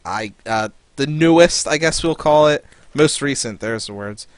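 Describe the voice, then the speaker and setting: A man's voice: medium pitch, expressive, normal speed. A man co-hosting a casual podcast chat, rambling and hunting for words as he explains things. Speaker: podcast co-host.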